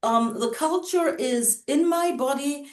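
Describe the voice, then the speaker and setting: A German woman co-hosting a casual talk show, speaking English thoughtfully with measured pauses. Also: sits high, a little mellow, echoey room, slight background noise. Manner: thoughtful, measured, with frequent um and mm-hmm. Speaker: co-host. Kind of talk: casual conversation.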